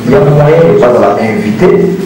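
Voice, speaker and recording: A man, a musician, answering press questions in a halting way, often repeating words as he searches for them. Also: medium pitch. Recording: echoey hall, far mic, music behind.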